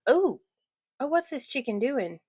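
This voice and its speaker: Giggly woman vlogging at home, kinda high voice, dry sound. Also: big pitch swings, unhurried, warm tone, husky, no echo, rough recording. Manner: giggly, chatty, laughs often. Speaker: craft vlog host. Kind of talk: casual chat.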